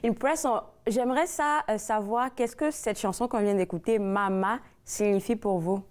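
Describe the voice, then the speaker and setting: A woman's voice: mid-range voice, moderate pace, darkish tone. A woman with a Québécois accent hosting a TV talk show, asking questions informally and tagging her sentences with "là". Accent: Québécois French. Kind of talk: casual TV interview.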